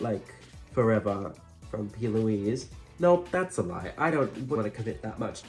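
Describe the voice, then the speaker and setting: A man's voice: on the low side, darkish tone. A man with a campy, dryly self-deprecating drag queen delivery, chatting casually through a makeup tutorial.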